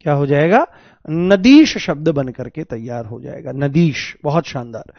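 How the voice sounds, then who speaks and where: A man's voice: on the high side, no room sound, muffled recording. A man teaching a grammar lesson for exam preparation, explaining step by step, repeating key words and asking his students questions. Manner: addresses students as "babu" and "babuji". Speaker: Hindi teacher.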